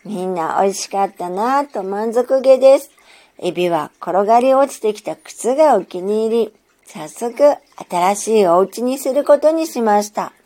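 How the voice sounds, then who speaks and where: A woman narrating a children's story in a gentle, measured storytelling manner. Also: mid-range voice, lively intonation.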